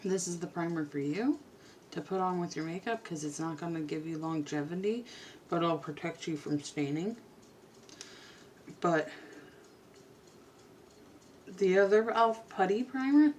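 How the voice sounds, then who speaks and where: A woman's voice: low voice, a little slow, long pauses, a little hiss or hum. A woman vlogger chatting casually and rambling a little as she does her makeup at home. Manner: chatty, rambling, quiet at times. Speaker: beauty vlogger. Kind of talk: casual chat while doing makeup.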